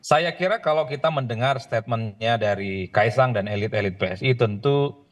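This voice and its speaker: A man's voice: mid-range voice, normal speed. Man, political analyst guest, live news interview, long analytical sentences, remote link. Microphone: remote video call link.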